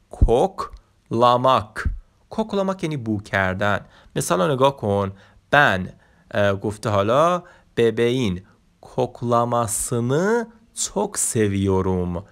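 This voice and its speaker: A man with a Persian accent, his voice sitting fairly low, teaches a vocabulary lesson. He draws each example word out slowly and with care, then hurries through the explanations around it. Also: creaky, fairly bright tone. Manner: slow, drawn-out repetition of example words, quick explanations in between. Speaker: Turkish language teacher.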